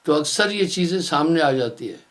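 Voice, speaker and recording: A man giving a sermon as a spiritual teacher, telling moral stories in an unhurried way and chanting verses slowly. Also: fairly high pitch, expressive, a bit bright. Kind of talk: sermon with storytelling.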